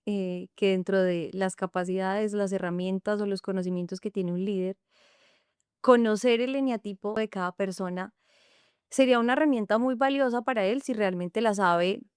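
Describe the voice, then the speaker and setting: Enthusiastic woman interviewer, smooth voice, dry studio sound. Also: medium pitch, moderate pace, darkish tone, dry recording. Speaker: podcast host. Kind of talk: conversational interview.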